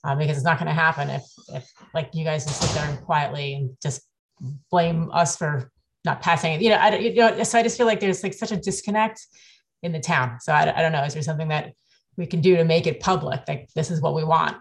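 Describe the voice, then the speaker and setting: A woman's voice: sits low, steady tone, fairly quick, creaky. A woman on a town commission thinking aloud in a rambling way at a public meeting. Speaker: commission member.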